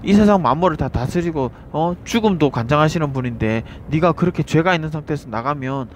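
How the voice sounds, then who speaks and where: A man's voice: fairly high pitch, animated, brisk, natural voice. A jeering devil tempts and accuses in a raised, needling voice, as a male preacher puts him on. He fires mocking questions one after another, with faint street noise behind. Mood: accusing.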